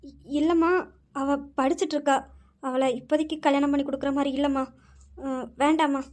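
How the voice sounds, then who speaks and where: A woman's voice: sits high, little pitch movement, brisk, a little mellow, close to an everyday voice. A woman voicing a timid middle-aged housemaid mother who pleads hesitantly with her employer. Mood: pleading.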